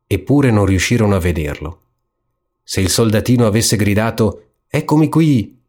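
A man reading a fairy tale aloud in a calm, measured storytelling manner. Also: on the low side. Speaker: narrator.

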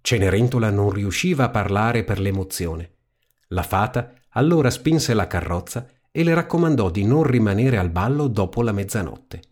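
A man reading a fairy tale aloud as storybook narration, in an expressive, lively manner. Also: on the low side, moderate pace.

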